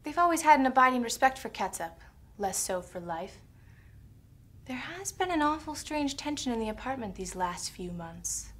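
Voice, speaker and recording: A woman's voice: high voice, big pitch swings, normal speed. A woman playing a melodramatic damsel in distress in a noir parody, earnest and theatrical. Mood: anguished. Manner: earnest, theatrical, overdramatic delivery. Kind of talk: noir parody audio drama.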